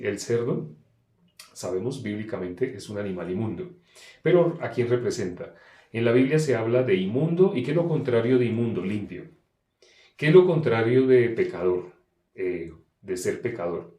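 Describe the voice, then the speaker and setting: A man preaching a sermon, emphatic, asking questions and answering them himself, swinging between loud and soft. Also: on the low side, roomy sound.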